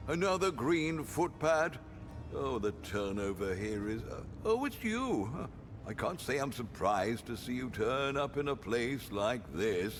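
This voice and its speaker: A man's voice: mid-range voice, very animated, measured pace, music in the background. An actor voicing a shady, grandiose rumour-monger in a video game, knowing and dramatic in his storytelling. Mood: wry, unsurprised. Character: shady, grandiose male underworld informant spinning rumours. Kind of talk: video game character dialogue.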